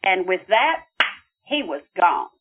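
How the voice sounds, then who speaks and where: A woman's voice: mid-range voice, sing-song, slow, a little hiss or hum. A woman guest, a spiritual counselor, telling a personal story in an earnest, emotional way. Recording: tinny phone line.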